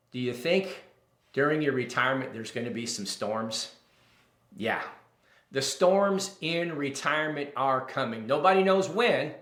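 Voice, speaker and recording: A middle-aged man, a financial advisor, telling a story to camera in a deliberate way. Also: on the high side, a bit bright. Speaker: financial advisor, firm founder. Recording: roomy echo.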